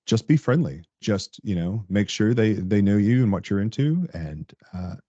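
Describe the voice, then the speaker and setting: Deep-voiced man, animated podcast guest. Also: normal speed, no room sound, muffled recording. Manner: animated storyteller, laughs often, acts out coworkers' lines. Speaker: podcast guest, tech director. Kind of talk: casual interview chat.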